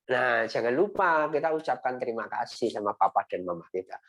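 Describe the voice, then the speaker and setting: Gentle male Sunday school teacher. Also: medium pitch, expressive, fairly quick. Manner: gentle, repetitive, ends phrases with a coaxing "ya". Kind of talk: teaching young children.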